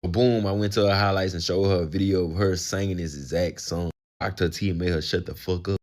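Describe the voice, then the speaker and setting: A young man telling a casual, profane dating story in slangy, animated speech. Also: low-pitched, fairly quick.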